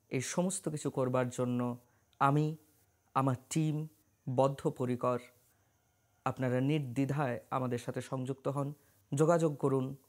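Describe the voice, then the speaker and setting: A man from West Bengal, India, working as a paranormal investigator and astrologer, telling a true ghost story in a measured, dramatic monologue that mixes in English words. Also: medium pitch.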